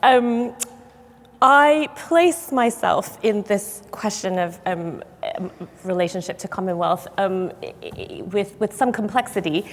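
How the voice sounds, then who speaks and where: A woman's voice: mid-range voice, slow. A woman born in Hong Kong, a public historian on a panel, speaking thoughtfully with many fillers. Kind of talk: panel seminar remarks. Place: large church hall. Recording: long hall reverb.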